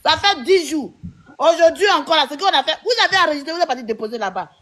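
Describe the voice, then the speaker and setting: A woman's voice: high voice, expressive, fast, a bit bright. A woman on a live-stream panel, scolding and insistent and repeating her points.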